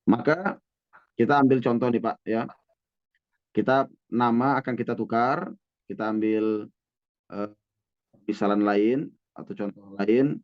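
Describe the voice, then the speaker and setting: With a medium-pitched voice, a man teaches Arabic grammar in a mosque classroom to students who include online participants. He moves at a patient, drawn-out pace, pausing often and using many fillers, while the audio is dry, a little dull and nearly echo-free.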